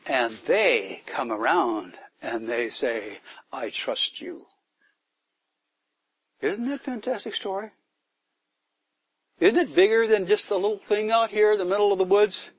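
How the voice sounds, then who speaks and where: Preaching at a church gathering in the woods, a high-pitched man climbs into forceful bursts, quizzes his congregation and leans hard on key words. He is animated yet measured, with long pauses and a slightly rough voice, and the close, dry recording has almost no room sound.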